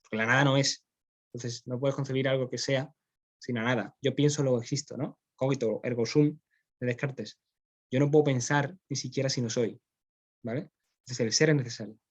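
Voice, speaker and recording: A man's voice: medium pitch, steady tone, fairly quick, lo-fi sound. A man with a Spanish accent, teaching philosophy in a classroom, explaining step by step and often checking in with his students. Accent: Spain. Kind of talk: classroom lecture.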